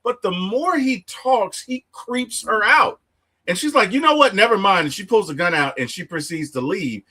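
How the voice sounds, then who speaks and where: A man hosting a casual movie review chat, retelling the plot with animated storytelling and acting out the characters' lines. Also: high-pitched, normal speed, breathy edge. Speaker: movie review podcast host.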